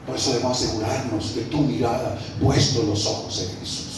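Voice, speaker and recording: A man's voice: medium pitch, fairly even intonation, brisk. A man with a Colombian Spanish accent, a pastor preaching a sermon and telling a story in a conversational way to his congregation in a church hall. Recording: roomy echo, mic at a distance, faint background noise.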